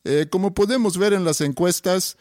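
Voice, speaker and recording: A man's voice: high-pitched, darkish tone, dry recording, voice pushed up, close to an everyday voice. Man doing a stiff, formal capital-city pundit, dry sound. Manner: measured, formal, pundit-like delivery. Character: formal intellectual Mexico City man, newscaster-like.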